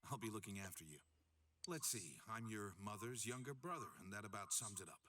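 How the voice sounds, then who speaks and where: A man voicing a gruff middle-aged detective uncle in a video game, speaking in a plain, matter-of-fact way. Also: lowish voice, animated, a little fast, bright, forceful tone, a little hiss or hum. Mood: steady. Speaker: game character.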